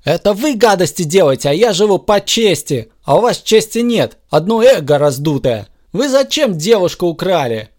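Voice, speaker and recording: A man's voice: high voice, big pitch swings, slow, voice pushed up, full character voice. A man voicing a proud, indignant common-man superhero in a storybook, with emphatic outbursts.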